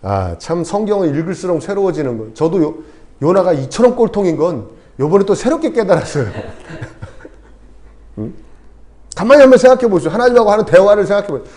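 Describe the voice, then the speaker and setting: Male pastor preaching, high voice that swoops all over, acts out the story bits. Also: a little fast. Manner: animated storytelling, acting out dialogue. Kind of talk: sermon.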